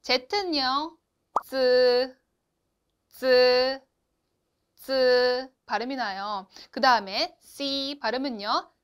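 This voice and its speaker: A woman teaching a beginners' Chinese lesson, explaining clearly and asking the learners to repeat after her. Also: sits high, a bit bright. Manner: slow, clear instruction with drawn-out model syllables; addresses learners directly and asks them to repeat. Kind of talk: online lesson.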